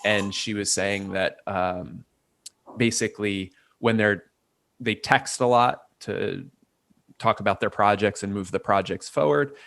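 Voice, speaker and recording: The guest, an artist and designer hailing from Port Chester, New York, weighs ideas from multiple perspectives while thinking aloud in a casual interview. He speaks unhurriedly in a fairly low, creaky voice with a fairly bright tone.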